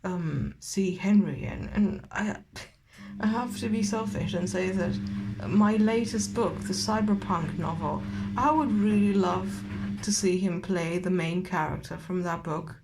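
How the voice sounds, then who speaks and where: A woman's voice: lowish voice, measured pace. A drunk woman from Eastern Europe rambling casually in an opinionated, sweary rant, recorded in a bathtub at home. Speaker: vlogger and novelist. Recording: clearly noisy bathroom ambience.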